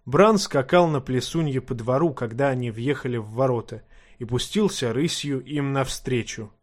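A man reading a fantasy novel aloud in steady, even audiobook narration. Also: mid-range voice, normal speed, no room sound. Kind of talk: scripted narration.

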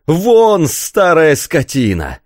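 A man reading aloud voices a tormented, volatile young man who breaks into strained shouting. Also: fairly low pitch, very animated, moderate pace, dry recording, clean studio sound. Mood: furious. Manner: outbursts of raised, strained shouting.

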